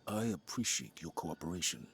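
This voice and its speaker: An actor playing a principled, duty-burdened commander in a video game, measured, formal and authoritative. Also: male voice, sits low, big pitch swings, noisy background. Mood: solemn resolve. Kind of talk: video game dramatic voice acting.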